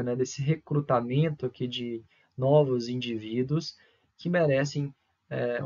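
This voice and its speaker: A Brazilian man with a medium-pitched, slightly mellow voice delivers a recorded university lecture. He speaks hesitantly to his students, full of fillers, restarts and tag questions. The audio is lo-fi.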